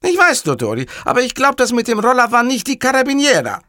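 A man's voice: very high-pitched, huge pitch swings, quick pace, bright, forceful tone, no room sound, studio quality, pitched above the performer's own voice, heavily acted. A man voicing a bumbling, overeager male police switchboard officer who rambles in muddled sentences. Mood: flustered eager.

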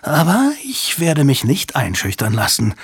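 A man's voice: medium pitch, huge pitch swings, measured pace, husky, no echo, pitched above the performer's own voice, full character voice. A male audiobook reader voicing an elderly French-Canadian travel journalist who speaks with proud defiance. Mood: indignant.

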